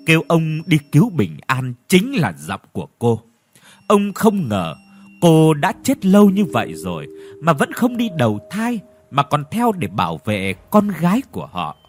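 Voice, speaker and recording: A man narrating a ghost story with expressive storytelling. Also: a little high. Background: faint background music.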